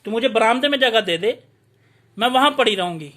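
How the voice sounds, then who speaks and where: A man voicing an elderly mother who pleads softly and stays devoted to her son. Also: very high-pitched, lively intonation, fairly quick, exaggerated voice. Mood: pleading.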